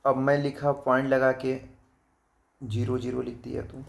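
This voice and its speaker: A man's voice: mid-range voice, flat delivery, gravelly. A man teaching children a math lesson, patient, repeating his points, asking if they follow, and reading digits out one by one. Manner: reads digits slowly one by one.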